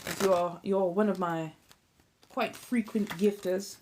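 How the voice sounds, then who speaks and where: A woman's voice: medium pitch, steady tone, a little slow, darkish tone, slight background noise. A woman with a Southern California accent chatting casually and informally to viewers as a livestream host and tarot reader, rambling a little as she goes.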